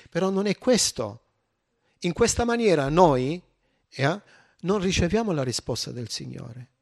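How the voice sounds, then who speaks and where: Slow, emphatic male preacher, higher voice. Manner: slow, emphatic preaching that swells louder on key points. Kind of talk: sermon.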